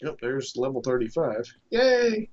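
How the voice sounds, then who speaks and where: A man's voice: medium pitch, big pitch swings, measured pace, a little mellow. A man co-hosting a gaming stream over voice chat, joking, teasing and laughing often. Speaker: game streamer co-host. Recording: dull lo-fi voice chat audio.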